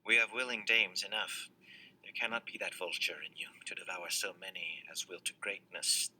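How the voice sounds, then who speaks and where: A man playing a grieving nobleman, low and bright. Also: normal speed, breathy edge, full character voice, low-quality recording. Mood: anguished. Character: grieving loyal nobleman, passionate and proud. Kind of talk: classical stage verse reading.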